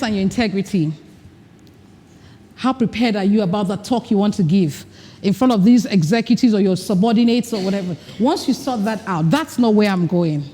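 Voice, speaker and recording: A woman leads a live workshop at a women's leadership retreat, coaching her audience directly through exercises and acting out mock dialogue. Her mid-range voice has a warm tone. Picked up by an unamplified recording mic in a large event hall with an audience, it carries a long reverb tail and slight background noise.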